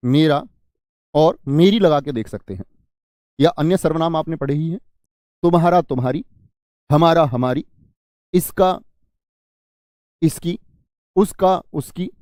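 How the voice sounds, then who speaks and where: A man's voice: fairly high pitch, unhurried, pauses often, a little mellow, no room sound, clean studio sound. A man teaching an exam-prep grammar lesson, who asks his students questions, answers them himself and repeats key phrases.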